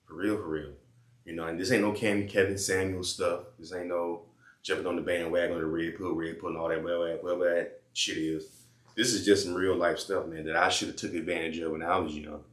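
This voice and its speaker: A man with a very low voice gives blunt, preachy life advice in loose slang, often saying the same thing twice. His voice echoes around a bare room. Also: fairly even intonation, a little fast. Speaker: vlogger giving life advice. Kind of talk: casual advice monologue and phone chat.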